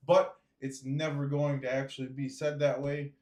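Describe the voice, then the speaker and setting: A man's voice: mid-range voice, flat delivery, moderate pace, darkish tone. A man co-hosting a casual podcast, making dry, blunt remarks. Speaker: podcast co-host. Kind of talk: casual chat. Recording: echoey room.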